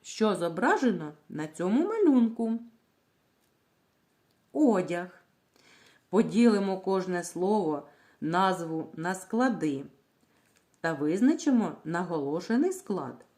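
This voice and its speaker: A woman teaching a reading lesson to young children, sounding out words slowly and clearly, asking questions and then answering them herself. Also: fairly low pitch, big pitch swings, darkish tone. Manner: slow, clear, drawing out words syllable by syllable. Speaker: primary school teacher.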